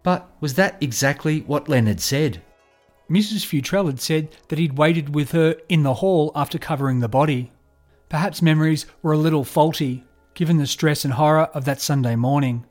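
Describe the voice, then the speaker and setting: A man narrating a true crime story in a measured, scripted storytelling delivery. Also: on the high side, a little mellow, soft background music.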